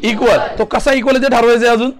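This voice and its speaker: A male commerce teacher leading a classroom accounting lesson, firing quick questions and calling on students to answer loudly. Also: very high-pitched, steady tone, a little hiss or hum. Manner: drilling students with rapid call-and-response questions. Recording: class chorus behind.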